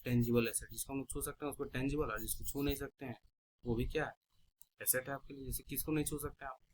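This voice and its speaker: A man's voice: medium pitch, steady tone, fast talker, low-quality recording. A man teaching an accounting class, asking his students questions and answering them himself, repeating the key terms. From India. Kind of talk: classroom lecture explaining terms.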